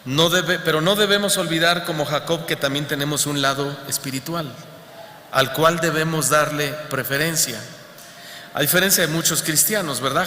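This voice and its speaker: A male pastor preaching a sermon in a church hall and often turning to his listeners with rhetorical questions. His voice is bright and a bit high. The hall gives it a long, roomy reverb. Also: a little hiss or hum.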